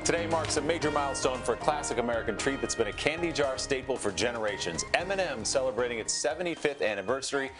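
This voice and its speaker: A man hosting a morning show, joking lively in studio banter. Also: mid-range voice, fast talker, hardly any pauses, music in the background.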